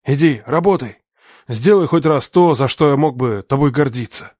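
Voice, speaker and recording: A man's voice: mid-range voice, moderate pace, a little mellow, dry recording, studio quality, voice pushed up, natural voice. A man voicing a stern, furious older father who runs a company, barking commands in an audiobook reading. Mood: shouting angrily. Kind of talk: audiobook narration.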